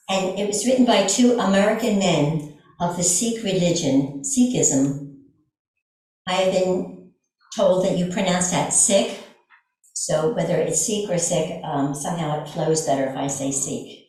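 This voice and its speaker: A woman leads a church service, introducing readings in an unhurried, reflective voice. Her voice sits a little low and rings out in a big echoing sanctuary, picked up from some distance. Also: a little mellow. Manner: slow, measured, reflective delivery. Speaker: worship leader. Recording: roomy hall, mic at a distance.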